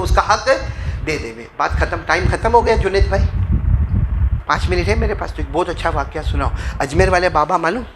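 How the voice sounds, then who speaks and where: A man's voice: sits high, a bit bright, slight background noise. A man giving a Friday mosque sermon, telling stories emotively and addressing the crowd directly. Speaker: preacher.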